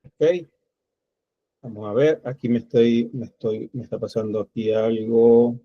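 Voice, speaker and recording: A man's voice: medium pitch, steady tone, measured pace, no echo. A man teaching a programming class, thinking aloud step by step while he types code. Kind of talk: screen-recorded coding tutorial. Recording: dull, lo-fi dry recording.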